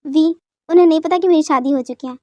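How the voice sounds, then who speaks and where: A woman's voice: sits high, quick pace, mellow, dry recording, natural voice. A woman doing [name], a curt, irritated young wife. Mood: annoyed. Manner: curt, scolding.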